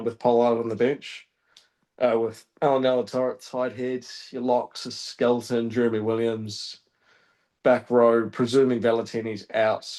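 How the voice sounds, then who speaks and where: A man's voice: medium pitch, a little mellow. Man from Australia, thinking aloud. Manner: thinks aloud, hesitant with fillers and restarts. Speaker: rugby reporter, podcast guest. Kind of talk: casual chat.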